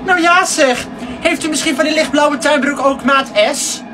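A man's voice: extremely high pitch, moderate pace, pitched above the performer's own voice. A man voicing polite, easily offended customers in a comedy sketch. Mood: indignant. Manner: polite, indignant. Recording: noisy background.

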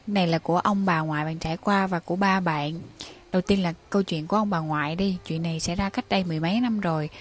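A woman's voice: lowish voice, a little mellow. A young woman casually retelling listeners' ghost stories, chatting directly to her audience and acting out the quoted lines. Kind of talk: casual spoken storytelling.

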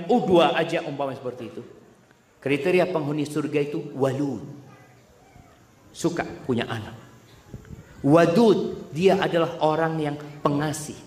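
A man giving a religious lecture to a congregation, speaking straight to the audience and quoting Arabic scripture. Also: a little high. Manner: addresses the audience directly, quotes Arabic scripture. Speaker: preacher. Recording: echoey hall with long reverb.

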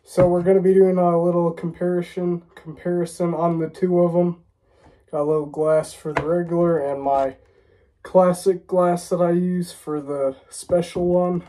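Congested from a cold, a young American man reviews drinks on camera from a small room in a casual, chatty way. His voice is high-pitched and dark in tone, delivered flatly at a normal speed.

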